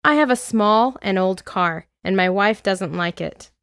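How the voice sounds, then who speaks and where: A woman reading an English lesson aloud, with clear, deliberate drill phrases and an American accent. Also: medium pitch, fairly bright tone, dry recording, studio quality. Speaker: English teacher. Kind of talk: slow scripted lesson reading.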